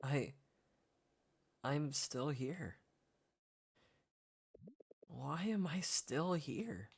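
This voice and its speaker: A woman reading a grief-stricken young man's lines in a hushed, halting, pleading voice. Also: deep voice, lively intonation, gravelly, husky, full character voice. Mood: hushed despair.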